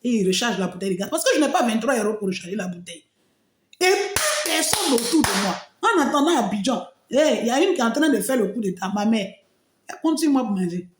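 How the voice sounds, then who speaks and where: A woman shares an emotional personal testimony. Her voice sits fairly high and swings widely in pitch as she tells her story with frequent exclamations. The sound is roomy, with a noticeable echo. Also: animated, fast talker, noisy background. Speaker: testimony speaker.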